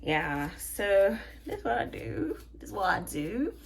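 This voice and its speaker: Detangling her hair at home, a chatty vlogger in her thirties jokes with the camera, laughing a lot and posing questions to viewers; her accent mixes Ghanaian, Italian, British and American. Her mid-range voice is gravelly and a little slow, with big pitch swings and slight background noise.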